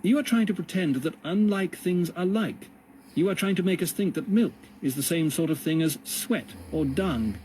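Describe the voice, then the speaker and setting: A man's voice: moderate pace, a little mellow, a little hiss or hum, natural voice, low-quality recording. A man voicing a desperate young man who cries out in anguish and indignation in a storybook reading. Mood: indignant. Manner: raised, fervent, high-pitched outbursts.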